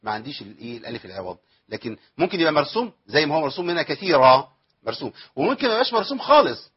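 This tajweed teacher has an Egyptian Arabic accent and a medium-pitched, breathy voice, captured with lo-fi sound. He explains the rules of Quran recitation by asking and then answering his own questions, elongating the verses he recites.

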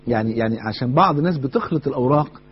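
Fast-talking Egyptian preacher, impassioned. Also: male voice, mid-range voice, expressive, breathy edge. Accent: Egyptian Arabic. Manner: impassioned, acts out quoted voices. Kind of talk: sermon with storytelling. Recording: dull lo-fi recording with faint hum.

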